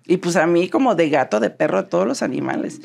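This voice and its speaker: A woman's voice: lowish voice, fast, vocal fry, breathy edge. A Mexican woman with a neutral accent, a guest in an interview, telling her story animatedly and acting out the dialogue. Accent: neutral Mexican Spanish. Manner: animated, acts out quoted dialogue.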